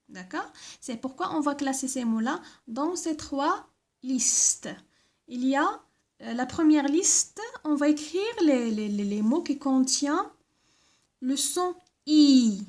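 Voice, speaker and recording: Slow, careful high-voiced woman teacher. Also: animated. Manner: slow, careful, repeats words and letters, frequent "d'accord?". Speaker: primary school teacher. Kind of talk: classroom lesson reading instructions.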